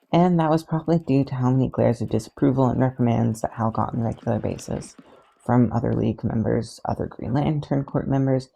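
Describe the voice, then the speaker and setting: A podfic reader narrating fan fiction in an even, steady read. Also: medium pitch, creaky, husky, poor audio.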